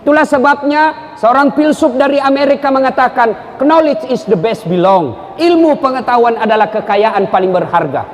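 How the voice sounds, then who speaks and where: A man from South Sulawesi, Indonesia preaches a humorous, anecdote-filled sermon in a very high voice at normal speed with few pauses. He tells stories animatedly, acting out characters and leaping between high and low pitch. The recording carries long hall reverb and faint noise.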